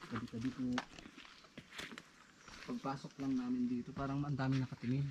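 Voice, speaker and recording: A man's voice: mid-range voice, little pitch movement, fast, warm tone, slightly rough, muffled recording. A man guiding a hike through an outdoor forest, murmuring short, uneasy remarks. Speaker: local guide on a hike. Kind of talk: casual chat.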